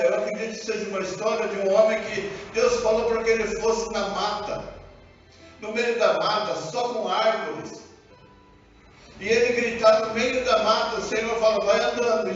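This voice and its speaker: Captured from far back in a big, echoing church sanctuary, a high-voiced male pastor with a Brazilian Portuguese accent preaches a lively sermon and acts out the dialogue. The audio comes across dull and muffled over soft background music.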